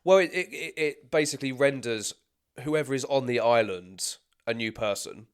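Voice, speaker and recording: A man co-hosting a film podcast speaks at medium pitch and normal speed, his tone clear and resonant. He chats casually, laughs often, stumbles and restarts his sentences, and reads out a scripted rundown of someone's career.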